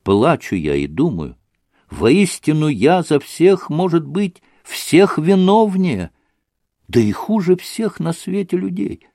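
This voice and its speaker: A male audiobook narrator reads with slow, unhurried pacing. His intonation swings widely and expressively, and his phrasing is emotional and dramatic. The studio recording is dry and close. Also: mid-range voice, mellow, dry recording. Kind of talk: expressive literary audiobook reading.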